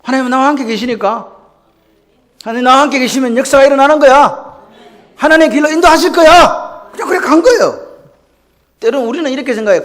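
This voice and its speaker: Male pastor, very high voice with wide swings, preaches with call-and-response questions. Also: fairly bright tone. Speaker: senior pastor. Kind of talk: Sunday morning sermon.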